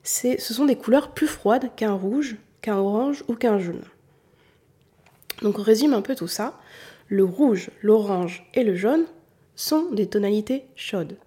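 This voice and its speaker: A woman's voice: mid-range voice, expressive, unhurried, mellow, breathy edge. A woman from southern France with a faint southern French accent, patiently explaining a lesson directly to the listener and repeating her key points. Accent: southern French, mostly hidden. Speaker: colour analysis consultant. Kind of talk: explanatory talk to the viewer.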